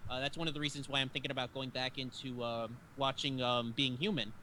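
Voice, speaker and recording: A man hosting a casual film discussion, with a very bright, sharp tone. He talks in an animated way and slips into acted-out bits of scenes. A faint background hiss sits under the voice. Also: mid-range voice, quick pace. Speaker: host.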